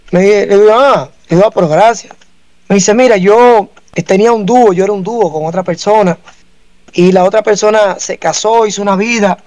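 A man with a fairly high voice tells his story in a casual interview. He acts out the dialogue he quotes with lively energy. The sound is dry and close. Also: no echo. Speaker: singer guest.

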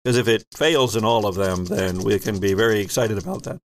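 A man with a voice on the low side serves as game master for a tabletop role-playing game. He improvises vivid, descriptive narration, pausing thoughtfully as he goes.

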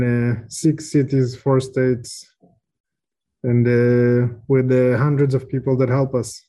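A man in his thirties from Ukraine, raised in Israel, telling his story as a podcast guest in a measured way with frequent pauses. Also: medium pitch, warm tone. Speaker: real estate investor guest. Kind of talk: podcast interview.

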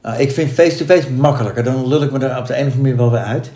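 A man's voice: mid-range voice, racing, warm tone. Hesitant man, echoey room. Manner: hesitant, stammering restarts. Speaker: podcast co-host. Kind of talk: casual chat.

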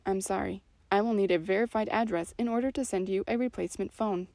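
A woman's voice: medium pitch, steady tone, fast, darkish tone, slight background noise, natural voice. A woman voicing a polite female call center agent in an audiobook drama, in a scripted customer-service tone.

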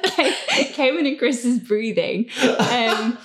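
Against a noisy crowd, a woman with a slightly high voice speaks slowly while hosting a relaxed group question-and-answer session for the podcast she created. Giggles and bursts of laughter keep slipping into her talk.

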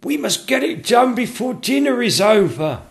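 A panicky court official squeaks in a very high, loud voice. He sounds breathless and frantic, the lines coming out in a rush. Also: sing-song, moderate pace, vocal fry, heavily acted.

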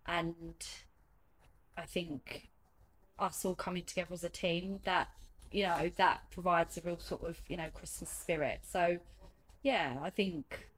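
A woman, a nurse, giving informal interview answers in a hesitant, reflective way with frequent pauses. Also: on the low side, steady tone, rough recording. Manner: hesitant, reflective, many pauses and "you know". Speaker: hospice nurse. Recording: light ambient background noise.

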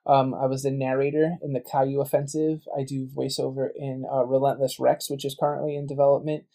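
A man's voice: mid-range voice, little pitch movement, fairly quick, creaky, mellow. A man guesting on a podcast, chatting casually and telling stories full of quoted back-and-forth. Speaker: guest, game writer and voice actor.

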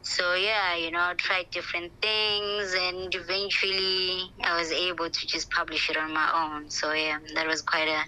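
Over a phone call from a vehicle on the move, a woman author answers an interviewer, the line cutting out and her voice drifting off-mic. Fairly low and level in pitch, she speaks at a moderate pace with hardly any pauses, sharp yet smooth in tone, though she often hesitates and repeats words as she searches.

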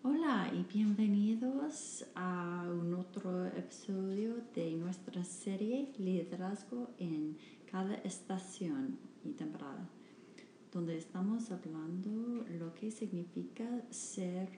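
A woman with a lowish, dark-toned voice, a podcast host and interpreter, reads aloud a Spanish interpretation of a church talk. Her delivery crawls along, hesitant and halting, with frequent restarts, recorded in an echoey room with faint background noise.

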